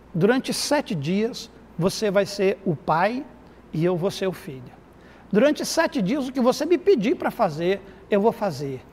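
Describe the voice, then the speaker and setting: Middle-aged pastor guy on a tv show, animated storyteller, highish voice, reverby room w faint hiss. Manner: animated anecdote-teller with quoted dialogue. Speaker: pastor and therapist guest. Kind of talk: lively storytelling in a TV interview. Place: TV studio. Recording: reverberant studio with faint noise.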